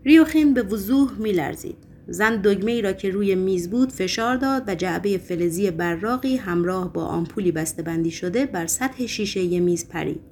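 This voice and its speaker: A woman narrating an audiobook in an expressive, dramatic reading style. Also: lowish voice, hardly any pauses, slight background noise.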